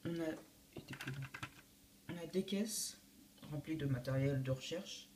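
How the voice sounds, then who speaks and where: A teenage boy presenting his Lego build for his channel in a casual, halting way, often restarting his sentences. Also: on the high side, background noise. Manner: hesitant, many fillers and restarts. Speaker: YouTube host showing a Lego build. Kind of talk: casual video walkthrough.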